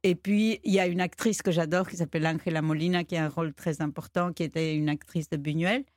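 A woman's voice: deep voice, steady tone, fast, a little mellow, dry recording, clean studio sound. A woman from Argentina, a guest in a radio interview, who talks hesitantly and searches for her words. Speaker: guest, TV studio head.

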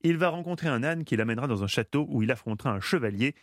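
A man's voice: medium pitch, animated, very fast, no echo. A man delivering a comic radio chronicle in a studio, playful and ironic, with teasing asides to the host. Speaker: radio columnist.

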